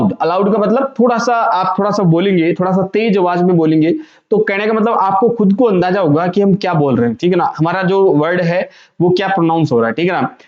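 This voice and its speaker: A male vocabulary teacher, slowly spelling out and repeating words for students. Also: high-pitched. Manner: repetitive, drawn-out words, frequent "theek hai na". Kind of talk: classroom lesson, spelling out pronunciations. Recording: echoey room, dull lo-fi sound.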